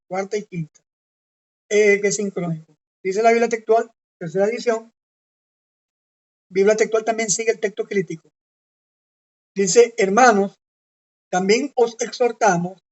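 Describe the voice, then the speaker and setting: Woman leading an online Bible lesson, unhurried and methodical, dull lo-fi computer audio. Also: medium pitch, a little mellow. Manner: methodical, often checks in with listeners. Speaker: Bible teacher.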